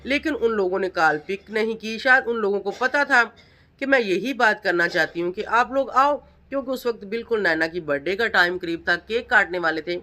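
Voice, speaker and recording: A woman's voice: medium pitch, brisk, sharp tone. A middle-aged woman, giving an emphatic reaction vlog commentary full of accusing rhetorical questions. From Pakistan. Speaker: vlogger.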